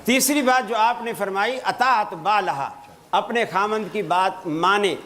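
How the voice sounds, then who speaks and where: A man giving a religious talk to an audience, telling stories with light humor and reciting Arabic phrases slowly. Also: sits high, fairly bright tone. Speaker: Islamic preacher.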